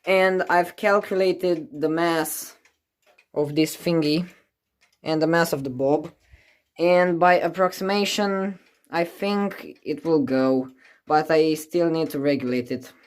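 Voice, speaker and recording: Indoors beside a ticking clock, a clock collector presents one of his pieces in a casual hands-on demonstration. He muses slowly like a hobbyist, in a smooth, mid-range voice.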